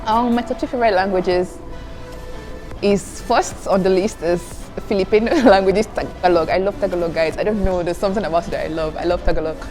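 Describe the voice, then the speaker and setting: A chatty young woman from Nigeria who grew up speaking Igbo answers questions as a student vlogger, talking a little fast in a lowish, slightly mellow voice. Background music sits under her casual chat, and she giggles between answers while calling viewers "guys."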